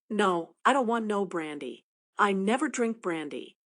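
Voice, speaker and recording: Woman reading as a poor young woman, shy, desperate, faint, soft pleading voice, storybook. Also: medium pitch, lively intonation, lightly acted. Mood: tearful refusal.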